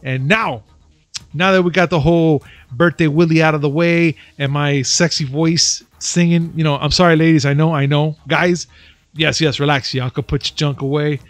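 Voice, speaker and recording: A man's voice: fairly high pitch, steady tone, normal speed, no room sound. A man co-hosting a gaming podcast, joking and boasting and swearing freely in casual banter. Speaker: podcast co-host.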